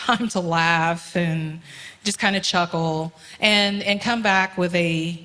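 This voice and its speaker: A woman on a panel, expressive and laughing often as she tells anecdotes. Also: on the low side.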